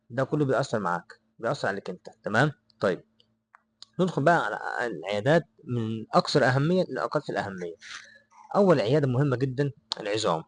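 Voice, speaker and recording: A young man with an Egyptian accent, giving loose, unscripted advice to his viewers and often checking that they follow along. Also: medium pitch. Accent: Egyptian Arabic. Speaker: advice vlogger. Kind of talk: unscripted explainer to camera.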